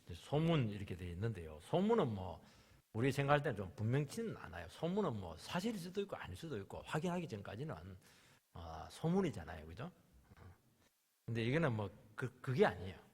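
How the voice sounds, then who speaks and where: Impassioned husky Korean pastor preaching. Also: male voice, mid-range voice, very animated, fairly quick. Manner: impassioned, swings from loud outbursts to hushed whispers. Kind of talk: sermon. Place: church sanctuary. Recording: long church reverb.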